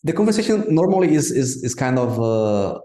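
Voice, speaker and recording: A man's voice: mid-range voice, sing-song, fairly quick, dark tone. A male podcast host from Brazil, a native Portuguese speaker, with a Brazilian accent, talking in a hesitant way and repeating words as he looks for the phrasing. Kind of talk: casual interview. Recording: roomy echo.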